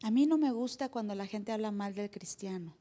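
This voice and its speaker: A woman's voice: mid-range voice, brisk, mellow. A woman pastor with a Mexican accent preaching a sermon to her congregation in a playful way, asking them questions and acting out little exchanges. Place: church service before a congregation.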